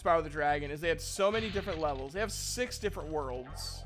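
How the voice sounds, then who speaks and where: A young man streaming a game and chatting over it in a rambling, jokey way, his voice sitting slightly high. He leans on plenty of fillers, and faint game music plays underneath his talk. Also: lively intonation, fast. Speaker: streamer and voice actor. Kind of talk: casual gameplay commentary.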